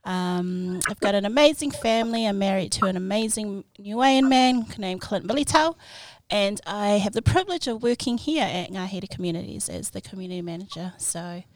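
A woman's voice: mid-range voice, animated, normal speed, hardly any pauses. Cheerful New Zealand woman in her thirties. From South Auckland, New Zealand. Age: 30s. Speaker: podcast guest. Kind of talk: casual podcast chat.

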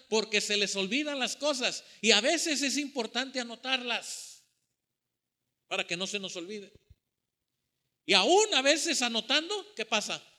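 A man's voice: very high-pitched, bright, forceful tone. A man preaching a sermon to his congregation, telling a story and acting out the voices of people in it. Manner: storytelling, addresses congregation as brothers, acts out quoted voices. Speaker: pastor.

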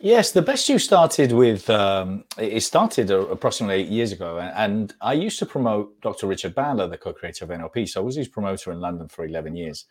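A man being interviewed as a guest, speaking haltingly with many restarts. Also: deep voice, animated, breathy edge. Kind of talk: interview answers.

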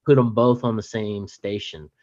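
Low-voiced man reminiscing haltingly. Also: fairly even intonation, darkish tone, dry recording, muffled recording. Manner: halting, full of fillers. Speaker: podcast co-host. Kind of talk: casual chat.

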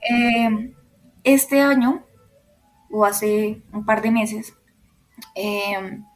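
A woman's voice: a little high, extremely slow. A young woman with a Bogotá-area Colombian accent, hosting a podcast and telling a personal story in a candid, emotional way, with many fillers. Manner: emotional, candid, full of fillers like "como" and "o sea". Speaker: podcast host.

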